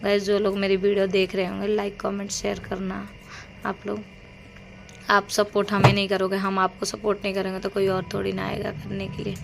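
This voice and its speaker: A young woman with a worn, rough voice, chatting casually through her day at home in a rambling vlog. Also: mid-range voice, completely flat delivery, a little fast, over music. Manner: rambling, chatty storytelling of chores. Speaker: home vlogger. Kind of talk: casual daily-life vlog narration.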